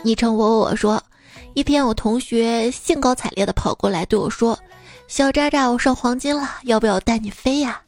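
A young woman hosting a comedy podcast, reading listener jokes in a lively, casual way and laughing at them. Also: fairly high pitch, moderate pace, soft background music.

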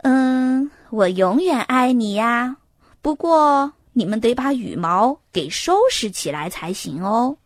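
Storybook mother bear, patient and soothing, unhurried; a woman plays her. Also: on the high side, animated, no room sound, clean studio sound. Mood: tender. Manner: soft, soothing, reassuring. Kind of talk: children's story reading.

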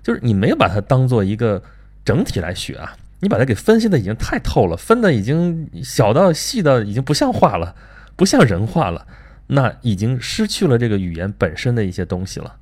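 Man, casual lecture, lively swinging pitch, rhetorical questions. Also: brisk. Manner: lively, rhetorical questions, frequent filler particles. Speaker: host. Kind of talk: casual lecture-style talk.

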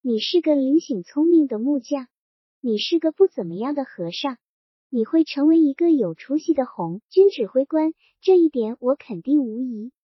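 A woman voicing a calm, frank young revolutionary man in a storybook reading, speaking plainly with a light joking edge. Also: sits high, normal speed, no echo. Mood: candid. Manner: calm, candid, gently joking. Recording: dull lo-fi sound.

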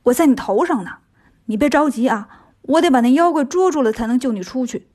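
Cheeky monkey king, played by a woman, brisk, confident storybook hero, high voice. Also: lively intonation, a little mellow. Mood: cocky. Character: cocky clever monkey king, male.

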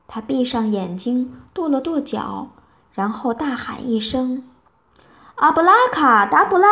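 A woman reading a bedtime story to children, telling it gently and with lively expression. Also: fairly high pitch.

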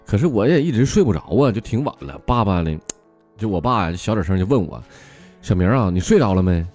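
Man voicing a small boy, timid, whiny, Northeastern accent, lively pitch, comic tale. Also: brisk, faint music behind. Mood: plaintive. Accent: Northeastern Mandarin.

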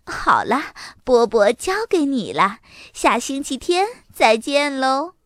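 A woman reading a storybook, voicing a kindly older neighbor lady who speaks gently. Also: high-pitched, very animated, takes it slowly, no echo, clean studio sound, exaggerated voice.

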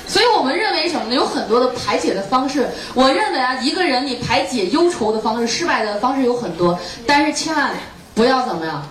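A woman's voice: high-pitched, expressive, quick pace, few pauses. A woman lecturer giving a motivational talk to students, often firing rhetorical questions at the audience. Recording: echoey room, mic far off, faint noise.

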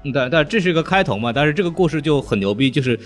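A man's voice: fairly high pitch, expressive, racing, soft background music. A man hosting a podcast, retelling cartoon plots in casual chat, rambling along and laughing often. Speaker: podcast host.

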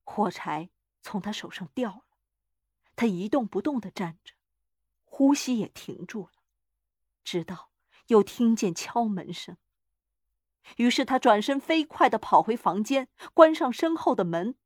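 A woman narrating a horror story in a measured, dramatic reading. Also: on the high side, lively intonation, a little mellow, dry recording, clean studio sound.

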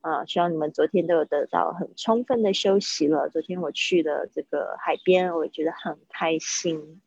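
Chinese-speaking woman teaching english words, kinda low husky voice, dry muffled mic, repeats stuff slow. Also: a little mellow, dry recording. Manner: chatty, repeats words slowly to model pronunciation. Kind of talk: livestreamed vocabulary lesson.

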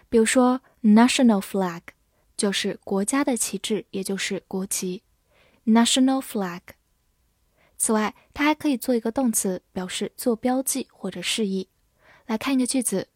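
A woman teaching an English vocabulary lesson, spelling words letter by letter and reading example sentences slowly. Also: fairly high pitch, a little mellow, no room sound, clean studio sound.

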